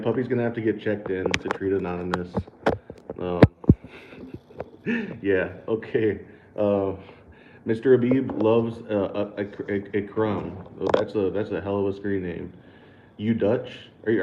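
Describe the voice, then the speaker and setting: This American man hosts a laid-back livestream, reading super chats in a lowish voice at a measured pace, laughing often and fumbling fillers and repeated words. Expect a lo-fi, echoey sound with background noise.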